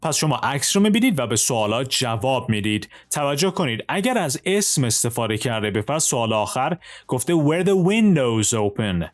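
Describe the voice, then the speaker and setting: Lively man teaching English. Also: medium pitch. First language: Persian. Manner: reads English examples slowly and carefully, then translates; drills single words twice each. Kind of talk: language lesson, explaining in Persian.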